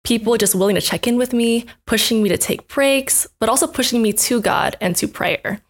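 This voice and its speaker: A young woman in her twenties shares a personal story in a relaxed faith conversation. She is an animated storyteller who laughs often and acts out what people said. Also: fairly high pitch, a little fast. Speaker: guest sharing testimony. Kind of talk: casual faith chat.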